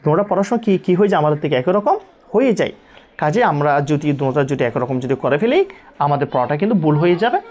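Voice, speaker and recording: A man teaching Quran recitation, drilling letter sounds slowly and repeating each one many times. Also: on the high side, animated, a little mellow.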